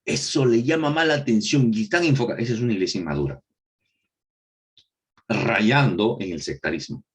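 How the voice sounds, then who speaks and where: Male Bible course teacher with a swinging, animated pitch. He quizzes the class with questions he answers himself and repeats points for emphasis. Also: moderate pace. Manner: asks rhetorical questions and answers them himself; repeats key phrases for emphasis. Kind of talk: recorded Bible lesson.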